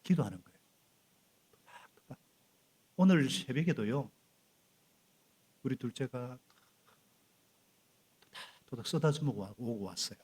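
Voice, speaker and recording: A middle-aged male pastor preaching a sermon in a church, animated and prompting the congregation to repeat after him. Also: medium pitch, moderate pace, pauses often, husky. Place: church sanctuary.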